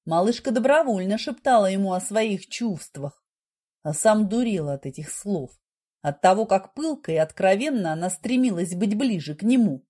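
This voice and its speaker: A woman narrating an audiobook romance in a slow, measured reading. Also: mid-range voice, lively intonation, dark tone. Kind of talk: scripted narration.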